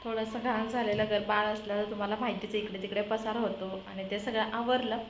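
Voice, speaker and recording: A woman's voice: level tone, brisk. A young woman with a Marathi accent, chatting casually through her daily vlog at home. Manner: chatty, coaxing a toddler in a high playful voice. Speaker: vlogger. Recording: noisy home recording.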